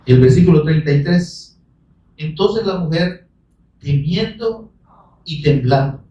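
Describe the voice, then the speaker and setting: A man preaching a sermon, fervent and rising to shouts, calling listeners brother. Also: on the high side, lively intonation, slow pace. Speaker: pastor. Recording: echoey room, voice from far off the mic.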